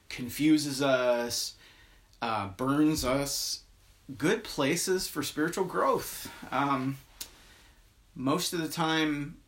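A man co-hosting a podcast who speaks slowly and deliberately. His voice sits in an ordinary middle range, and he often stops mid-thought to hunt for the right words while talking about faith. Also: medium pitch, fairly bright tone. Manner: halting, searching for words. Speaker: podcast co-host. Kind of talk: casual faith chat.

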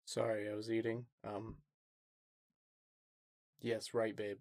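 A man's voice: fairly low pitch, completely flat delivery, takes it slowly, vocal fry, a little mellow, no echo, studio quality. A man in an improvised comedy murder mystery, talking in a distracted, offhand way. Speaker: improv player. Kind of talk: improvised comedy role-play.

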